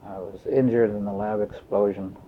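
An older man from Austria, recalling his life story in a measured, matter-of-fact way, pausing to search for words. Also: lowish voice, little pitch movement, a little hiss or hum. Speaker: interviewee. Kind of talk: oral history recollection. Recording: dull lo-fi tape recording.

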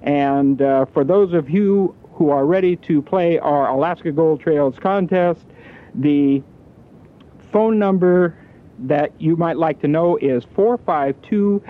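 A man's voice: on the high side, slow. A man hosting a call-in radio show, talking listeners through a prize giveaway in easy on-air patter, with frequent filler sounds. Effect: radio broadcast sound. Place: radio station studio. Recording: tinny, lo-fi radio broadcast.

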